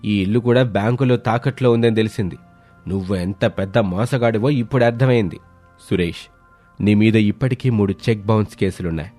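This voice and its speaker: A man's voice: fairly low pitch, brisk, warm tone, faint music behind, lightly acted. A man voicing a scornful moneylender. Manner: scolding, mocking. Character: grim male moneylender, scornful and harsh.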